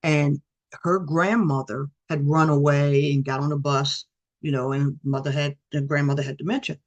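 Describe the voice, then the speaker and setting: A middle-aged woman giving a storytelling presentation as a guest speaker over a video call, lively and acting out the voices of the people in her stories. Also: low-pitched, moderate pace, muffled recording. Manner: animated, acts out quoted voices.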